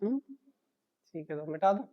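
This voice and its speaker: A man's voice: sits high, expressive, normal speed, big-room sound, highs cut off. A male math teacher lecturing a class, often repeating a key word as a question to the students.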